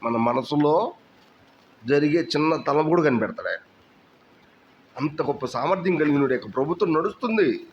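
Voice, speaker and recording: A man's voice: expressive, moderate pace, pauses often. A male pastor, preaching in a conversational style and asking rhetorical questions. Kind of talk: sermon. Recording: dull low-fidelity recording with faint noise.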